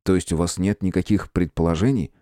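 A man reading an audiobook, voicing a calm, formal gentleman detective with measured, courteous speech. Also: low voice, no echo, studio quality, natural voice. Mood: firm. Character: calm, firm gentleman detective of old times.

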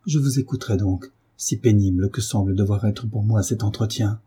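A man reading a frightened but dignified young wife, pleading in a restrained way, with a husky, dark voice raised a little. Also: fairly low pitch, moderate pace. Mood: pleading, fearful.

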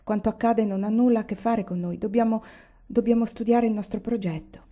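A woman reading the part of a quiet, practical wife in a novel, speaking softly and with restraint. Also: on the high side, steady tone, a little fast, highs cut off, close to an everyday voice.

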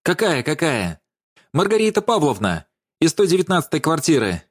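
A man's voice: fairly high pitch, sing-song, moderate pace, dry recording, clean studio sound, pitched above the performer's own voice. A man reading an audiobook and voicing an indignant young woman who cuts her lover down with scorn. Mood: accusing. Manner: scornful, accusing, cutting.

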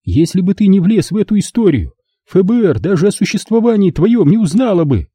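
A man's voice: high voice, very animated, brisk, dark tone, slightly rough, no echo, clean studio sound, voice pushed up, full character voice. A man voicing an angry, frightened mother who scolds and pleads with her teenage son in an audiobook. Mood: angry scolding. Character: frightened angry mother, middle-aged woman. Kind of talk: audiobook reading.

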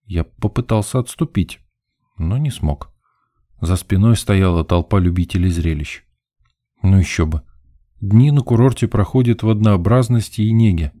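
A man's voice: on the low side, normal speed, warm tone, no echo, clean studio sound. A man narrating an audiobook in a wry, ironic first-person style.

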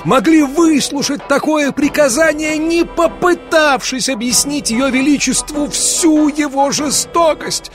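A man's voice: very high voice, measured pace, hardly any pauses, over music, pitched above the performer's own voice. A man reading an audiobook, voicing a panicked middle-aged banker who pleads in frightened, rising outcries.

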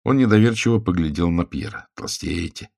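A man narrating an audiobook in a measured, expressive reading. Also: deep voice, no echo, studio quality. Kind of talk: scripted narration.

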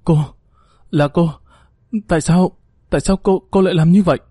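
A man's voice: sits high, fairly even intonation, normal speed, dark tone, dry recording, studio quality, voice pushed up. A man voicing a frightened teenage schoolgirl who stammers and trembles in a horror story.

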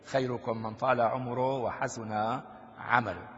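An older man teaching a classical text as a sheikh, explaining slowly and quizzing his listeners with rhetorical questions. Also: mid-range voice, level tone, fairly bright tone. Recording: lo-fi recording with long reverb in a hall.

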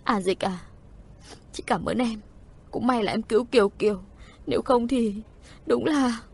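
A woman voicing a weepy young stepmother who sobs and pleads in a high, strained voice. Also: measured pace, creaky, slightly rough, heavily acted. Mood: tearful.

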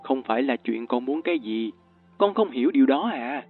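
A man voicing a calm, sugary yet threatening ghostly old woman teacher in an audiobook story. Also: mid-range voice, moderate pace, breathy edge. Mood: sweetly menacing. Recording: tinny lo-fi with faint music.

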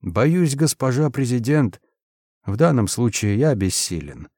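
A man voicing a gloomy, guarded intelligence admiral who answers slowly and firmly. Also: mid-range voice, big pitch swings, darkish tone, dry recording, clean studio sound. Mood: grim. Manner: slow, grim, firm.

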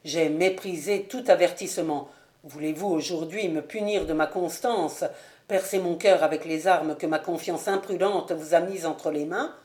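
A woman reading an audiobook, voicing a proud young nobleman who speaks low, grave and scornful. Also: normal speed, darkish tone, natural voice. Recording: echoey room.

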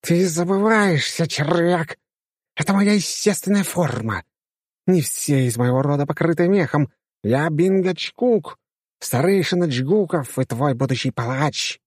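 A man voicing a hairless alien cat elder, a menacing male villain, in an audiobook with a slow, gloating, hissing delivery. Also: on the high side, husky, dry recording, studio quality, pitched above the performer's own voice. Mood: gloating menace. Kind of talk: audiobook character voice.

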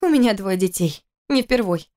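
A woman reading a story aloud, voicing a worried, sarcastic wife and mother who scolds quickly and sharply in a raised voice. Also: mid-range voice, lively intonation, warm tone, lightly acted. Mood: alarmed.

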